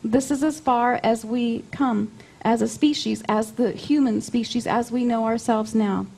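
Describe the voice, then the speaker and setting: A woman's voice: fairly high pitch, fairly even intonation, a little slow, vocal fry, warm tone, slightly rough. A woman being interviewed, explaining things conversationally and often repeating her phrases as she goes. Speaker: interview guest, spiritual channeler.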